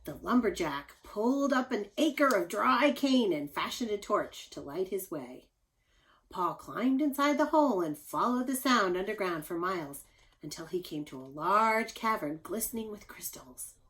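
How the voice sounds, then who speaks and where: Speaking directly to young listeners, a teacher reads a children's story at normal speed in a medium-pitched voice. She keeps her explanations simple and adds expressive emphasis.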